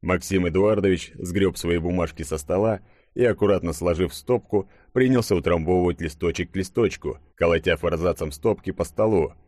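A man narrating an audiobook in an even, measured way. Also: low voice, dry recording.

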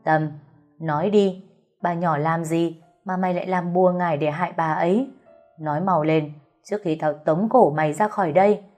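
A woman's voice: fairly low pitch, normal speed, a little mellow, soft background music, lightly acted. A woman voicing a stern, commanding old father-in-law in an audio story.

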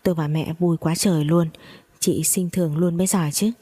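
A woman narrating a dramatic first-person family story in a steady reading voice with gossipy asides to listeners. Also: fairly low pitch, a little fast, breathy edge.

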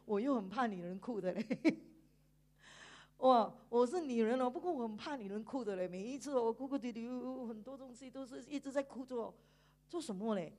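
A woman preaching a sermon in church, animated, with frequent laughter and emphatic sentence endings. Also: on the high side, moderate pace.

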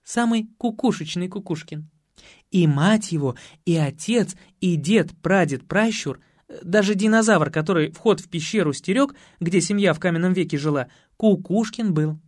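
A man's voice: high voice, normal speed, no room sound, clean studio sound. A man voicing a sweet, playful young woman in an audiobook, speaking tenderly and teasingly. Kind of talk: audiobook character voice.

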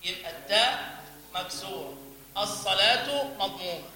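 A man's voice: high-pitched, lively intonation, normal speed, a crowd in the background. A man with an Egyptian accent teaching a class on the call to prayer, demonstrating chanted lines and quizzing his students. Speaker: religious teacher. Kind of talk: lecture on recitation. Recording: echoey hall with audience.

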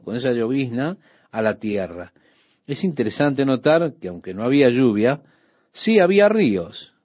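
A man's voice: mid-range voice, no echo, highs cut off. A man teaching a Bible study on the radio, explaining steadily and speaking directly to the listener.

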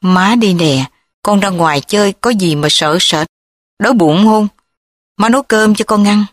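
A woman's voice: medium pitch, a little slow, dry recording, studio quality, lightly acted. A woman voicing a loving, fearful mother who talks in a tender, coaxing way. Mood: tender, worried.

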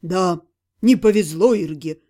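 A woman voicing a good-natured male half-gnome friend who scolds gently and coaxingly, in an audiobook. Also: fairly low pitch, unhurried, voice pushed down. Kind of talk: audiobook character voice.

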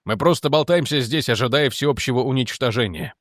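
A man voicing a weary general who speaks calmly and evenly. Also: dry recording, studio quality, lightly acted. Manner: calm, measured, low delivery. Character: weary, calm middle-aged male general.

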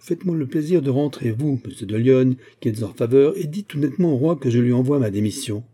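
Proud aging musketeer captain, indignant and sharp-tongued, dark husky tone, read by a man. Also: medium pitch, animated, brisk. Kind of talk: audiobook reading.

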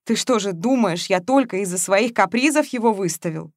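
A woman's voice: medium pitch, animated, moderate pace, no echo, studio quality, lightly acted. A woman reading an audiobook, voicing a blunt, talkative middle-aged businessman with a brusque, mocking manner. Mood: indignant. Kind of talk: audiobook character voice.

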